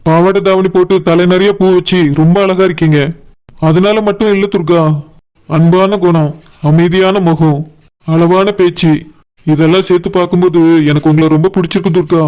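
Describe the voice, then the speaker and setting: A man's voice: high voice, clean tone, close to an everyday voice. A man voicing a polite, earnest young man in a cartoon, with a Kanyakumari Tamil accent. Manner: polite, earnest, soft-spoken. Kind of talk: cartoon voice acting.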